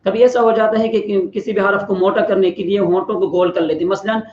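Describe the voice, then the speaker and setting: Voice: medium pitch, steady tone. Teacher drawing out letters in a roomy, dull recording. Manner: patient explaining, drawing out each letter slowly to demonstrate. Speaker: tajweed teacher. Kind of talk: Quran pronunciation lesson.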